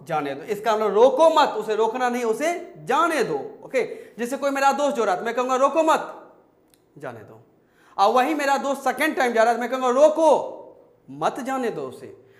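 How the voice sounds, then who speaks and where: A man teaching English grammar at a whiteboard, speaking, often asking his students questions and repeating example sentences slowly. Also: extremely high pitch. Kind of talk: classroom lecture at a whiteboard. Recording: echoey room.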